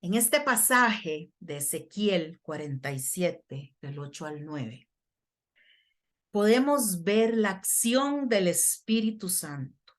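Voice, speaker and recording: A middle-aged woman from Costa Rica preaches a sermon earnestly at a prayer workshop, reading scripture aloud. Her lowish voice is slow and sing-song.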